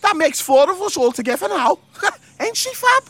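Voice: extremely high pitch, moderate pace, no room sound, pitched above the performer's own voice, exaggerated voice. A man doing a chirpy male beetle. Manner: slangy, excitable, chatty. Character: cheerful male flying beetle, chirpy and friendly. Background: music.

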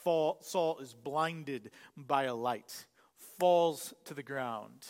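A man preaching a sermon as pastor, earnest, rising to loud emphasis and falling to a near hush. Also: on the high side, extremely slow, long reverb tail. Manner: earnest preaching that swells louder and drops to a hush. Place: church sanctuary.

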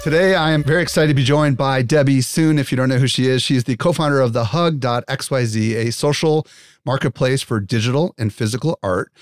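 A man's voice: medium pitch, a little fast, soft background music. An enthusiastic male podcast host with a mid-range voice, speaking into a studio mic. The sound is dry and close, with no room echo. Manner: upbeat, enthusiastic. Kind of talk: podcast interview and read ad.

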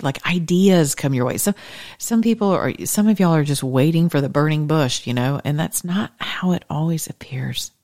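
Devotional host, mid-pitched, conversational and encouraging, earnest direct address, dry close sound. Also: darkish tone, dry recording. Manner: informal, conversational. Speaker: host of an evening faith devotional. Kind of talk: devotional talk, informal sermon.

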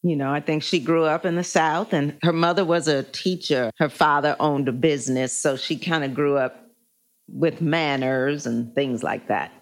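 A woman's voice: sits low, steady tone, moderate pace. A woman actor and producer talking casually and thoughtfully about a role she is playing. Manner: thoughtful, searching for words. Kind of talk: casual chat.

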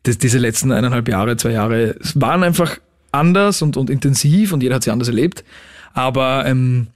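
Guy late 20s, musician guest, lively chatty, drops english words. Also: mid-range voice, fairly quick. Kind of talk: casual interview.

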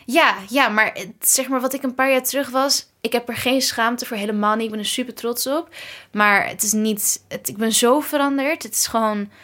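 A woman's voice: fairly high pitch, brisk, few pauses, fairly bright tone. A young woman from the Netherlands, a pop singer being interviewed, talking in an enthusiastic, chatty way with English words mixed in. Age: young adult. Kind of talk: casual interview chat. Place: bedroom at her parents' home.

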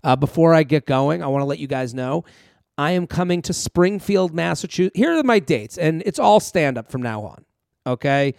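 High, creaky-voiced man hosting a podcast. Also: lively intonation, moderate pace, a little mellow, dry recording, studio quality. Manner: rambling, conversational, addresses listeners directly. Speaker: comedian podcast host. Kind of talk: casual solo podcast monologue.

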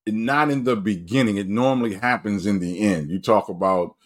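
A man, a coach, talking casually about college football, his voice jumping up when excited and often restarting his sentences. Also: moderate pace. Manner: animated, pitch jumps up when excited, frequent restarts. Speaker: coach and guest analyst. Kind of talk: casual sports talk.

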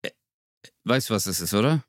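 A man's voice: lowish voice, expressive, a little fast, dry recording. Rambling man, dry close mic. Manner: rambling, many fillers, laughs at own joke. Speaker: podcast co-host. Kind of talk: casual chat, telling a joke.

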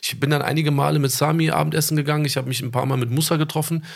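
A man's voice: fairly high pitch, flat delivery, rapid-fire, creaky. A man in his thirties, co-hosting a podcast in casual chat, telling a story at length in a laid-back, slangy way and acting out phone calls. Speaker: podcast co-host.

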